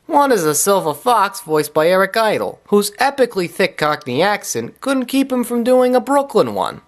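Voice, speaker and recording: A man's voice: high-pitched, very animated, moderate pace. Sarcastic man reviewing cartoons. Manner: sarcastic, wisecracking. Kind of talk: comedic review commentary.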